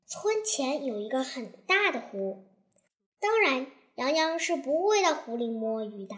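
A woman narrating a children's story in a lively, expressive way. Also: high-pitched, unhurried.

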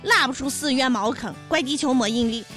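A woman's voice: high-pitched, brisk, over music. A woman with a Shaanxi accent co-hosting comic news commentary in a sassy, blunt, scolding manner. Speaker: co-host of a satirical news show.

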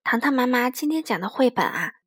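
Woman reading a kids' picture book aloud, gentle, dry close sound. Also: on the high side, lively intonation, a little fast, slightly rough, no room sound. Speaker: storyteller.

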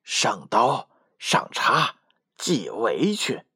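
A man's voice: mid-range voice, huge pitch swings, takes it slowly, gravelly, a bit bright, dry recording, clean studio sound, voice pushed up, heavily acted. A man voicing the first of three greedy, hungry male foxes in a children's storybook, calling out boisterously. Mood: gloating. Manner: boisterous gloating calls.

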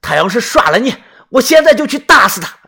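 A gruff middle-aged farmer, voiced by a male storyteller speaks up loudly and protectively for his daughter. His talk is rough and plain, a rural father in an audiobook tale. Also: high-pitched, lively intonation, moderate pace, voice pushed up, exaggerated voice. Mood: angry. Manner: gruff, agitated.

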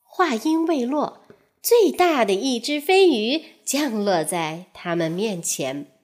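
A woman reading a children's story aloud in a slow, expressive storybook cadence. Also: on the high side.

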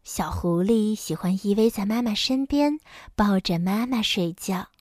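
A woman reading a bedtime story aloud, slow, soft and expressive. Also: mid-range voice, no echo, clean studio sound.

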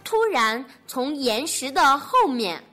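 Lively, unhurried woman storyteller. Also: high-pitched. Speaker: story narrator. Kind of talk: picture-book storytelling for children.

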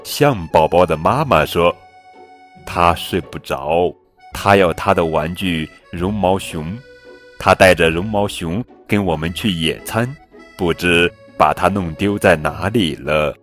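A man reading a children's picture book aloud in a slow, expressive storytelling voice. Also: low voice. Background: soft background music.

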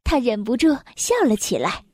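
A woman reading a children's story aloud in a gentle, expressive storytelling voice. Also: fairly high pitch, moderate pace, no room sound, clean studio sound.

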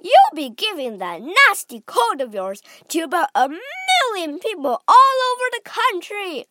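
Woman acting shrill, bossy storybook mother. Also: huge pitch swings, unhurried, bright, forceful tone, no room sound, studio quality, heavily acted. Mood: scolding. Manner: shrieking, scolding. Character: shrill, bossy, panicky mother of a greedy boy.

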